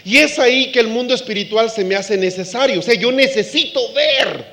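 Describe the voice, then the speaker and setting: A man preaching a sermon to a live congregation, animated, acting out quoted voices and laughing along with the audience. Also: very high voice, moderate pace.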